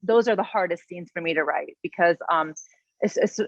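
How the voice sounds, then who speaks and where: A woman's voice: fairly low pitch, moderate pace, no echo. Earnest woman author, dry muffled sound. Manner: earnest, emotional, personal storytelling. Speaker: guest author. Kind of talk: casual interview conversation. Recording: dull, slightly lo-fi, dry sound.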